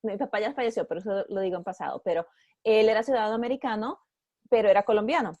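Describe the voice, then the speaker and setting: A woman's voice: medium pitch, fast talker, a little mellow, dry recording. A woman, a podcast guest telling her story in a chatty way, often restarting sentences and slipping in English words. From Dominican Republic. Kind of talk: casual interview conversation. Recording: dry, slightly muffled recording.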